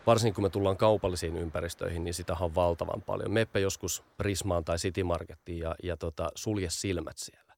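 A man's voice: sits low, fairly even intonation, gravelly, few pauses, darkish tone. A man being interviewed as an audio branding expert, explaining patiently and often repeating small fillers while he thinks.

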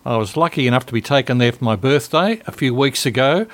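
A man's voice: mid-range voice, expressive, fast talker, fairly bright tone, dry recording. An older man hosting a travel radio show, introducing his guest in a chatty, personal way. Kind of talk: radio interview.

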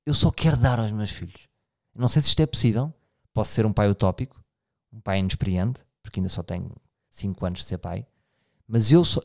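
Portuguese guy in his 30s talking fast on his podcast, chatty and reflective, keeps talking to the listeners. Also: medium pitch, darkish tone. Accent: European Portuguese. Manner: musing, frequent restarts, addresses listeners directly. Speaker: podcast host. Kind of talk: casual reflective monologue.

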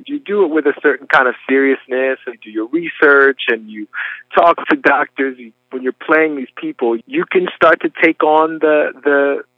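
A man in his thirties, based in New York but raised in Philadelphia, answers interview questions as a guest actor in a mid-range voice. He tells his stories thoughtfully and without hurry, restarting here and there, and the phone-quality audio has no echo.

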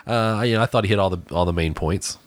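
Deep-voiced man reviewing a film. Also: dry recording. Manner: halting, searches for words. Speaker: podcast co-host reviewing a film. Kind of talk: casual conversation.

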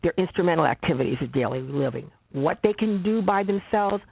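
A social worker walks through a slide presentation, speaking in a measured, deliberate way and repeating words for stress. The voice is slightly husky and dry, and it comes over a thin, phone-like line. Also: medium pitch, expressive, no echo. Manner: measured, deliberate, emphatic repetitions. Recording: phone-like narrow band.

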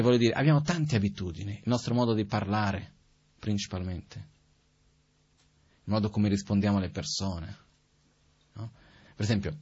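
Low husky man giving a calm teaching. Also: no room sound. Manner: calm, conversational, with rhetorical questions and acted quotes. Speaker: Buddhist teacher. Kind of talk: spoken dharma teaching. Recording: dull, dry, lo-fi recording.

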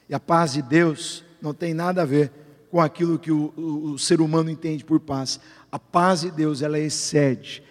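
A man preaching and leading prayer as a pastor, urging the congregation with fervent, repetitive exhortation. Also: on the high side. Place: church sanctuary. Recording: long church-hall reverb with faint music.

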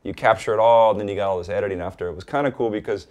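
A man from Hawaii, a guest in a casual interview, talking in a relaxed, rambling way with lots of "like" and "you know.". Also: on the low side, rapid-fire.

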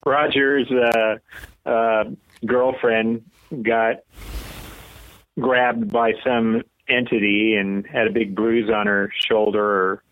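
A man's voice: on the low side, level tone, takes it slowly. Rambling man on a tinny phone line. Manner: rambling, laughs often, conspiratorial. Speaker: podcast co-host. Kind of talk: casual chat.

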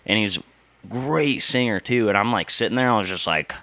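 Deep-voiced, laid-back guest, dry studio. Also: male voice, expressive, normal speed, bright, forceful tone, no echo. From Iowa. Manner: laid-back, laughing, slangy storyteller. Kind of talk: casual chat.

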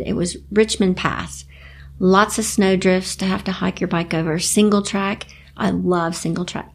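A woman telling her story in a casual interview, animated and laughing often. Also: vocal fry. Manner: animated, laughs often, acts out quotes in a high voice. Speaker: guest.

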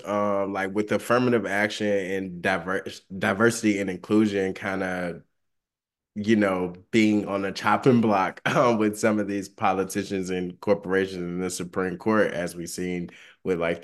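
Male interviewer, lowish pitch. Casual and chatty, wanders loosely toward his questions. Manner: chatty, loosely phrased, meandering. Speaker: panel interviewer.

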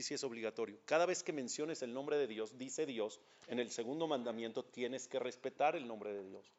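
A rabbi with a Mexican accent teaches a religious class in a fairly high voice, stressing his points and putting questions straight to his listeners. The recording sounds dull and lo-fi. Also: fairly bright tone. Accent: Mexican Spanish.

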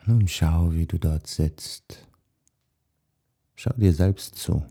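Very slow, low, hushed man guiding meditation. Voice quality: husky, breathy, soft. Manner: soft, hushed, soothing relaxation delivery with long pauses. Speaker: meditation guide. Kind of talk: guided meditation, body scan.

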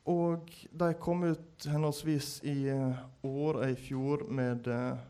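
A man's voice: on the high side, level tone, warm tone, clear, resonant tone. A man moderating a literary event, introducing authors with a hesitant, filler-laden delivery.

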